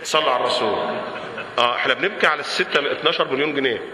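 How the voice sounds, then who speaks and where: A man with an Egyptian Arabic accent giving a colloquial sermon to a congregation, lively, asking the audience questions and acting out dialogues, and chanting Quran verses. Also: medium pitch, very fast. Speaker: preacher. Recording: echoey hall recording with faint noise.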